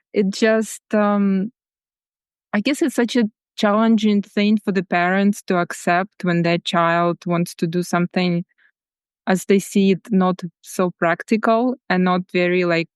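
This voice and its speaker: A woman from Ukraine with a Ukrainian accent, speaking reflectively as a guest in a podcast interview, often repeating words and laughing softly. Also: medium pitch, clean tone, no room sound, clean studio sound. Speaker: guest artist.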